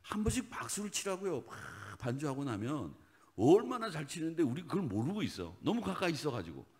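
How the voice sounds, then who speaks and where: A man preaching a sermon as pastor, animated and talking straight to his congregation, dropping at times to hushed asides. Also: fairly high pitch, brisk. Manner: animated, swings from loud exhortation to hushed whispered asides; talks directly to the congregation with questions. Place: church sanctuary.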